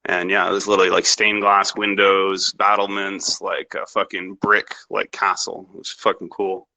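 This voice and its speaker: A young man from Canada talks on a podcast in a slightly low voice with a bright, tense edge. He rambles through his answers, swearing freely and sounding sure of himself. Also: flat delivery, normal speed, creaky, poor audio. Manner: rambling, profane and self-assured. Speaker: interview guest. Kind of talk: casual podcast interview.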